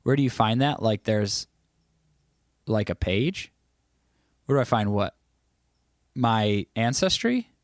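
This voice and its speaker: Slow and sing-song, with long pauses, a lowish-voiced livestream host reads comments aloud and teases his viewers in loose, rambling chat full of restarts. The recording is studio quality, without echo.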